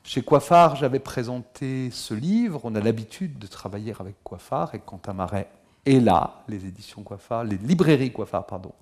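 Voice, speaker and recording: Middle-aged guy, historian, polite formal talk to a crowd in a lecture hall, measured delivery. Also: medium pitch, lively intonation, a little mellow. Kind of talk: formal public address.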